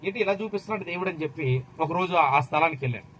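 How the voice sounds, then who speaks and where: High-voiced fervent male preacher. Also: racing, a bit bright, a little hiss or hum, poor audio. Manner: impassioned, rhetorical questions to the crowd, calls of hallelujah. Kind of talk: fervent sermon.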